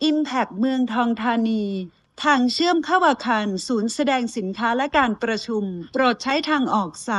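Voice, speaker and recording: Slow, high-voiced woman giving train announcements. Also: dry recording. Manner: polite, measured, evenly spaced phrasing. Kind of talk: formal bilingual transit announcement.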